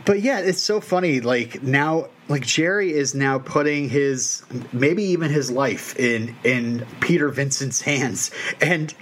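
A man's voice: mid-range voice, takes it slowly, slight background noise. Chuckling man recapping a film. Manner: chuckles often, rambling recaps. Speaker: podcast host. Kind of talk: casual film-discussion chat.

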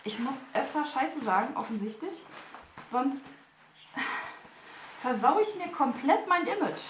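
A woman's voice: high voice, very animated, a little slow, roomy sound, a little hiss or hum, rough recording. A woman podcast host chatting casually while getting dressed, singing bits and laughing, swearing playfully.

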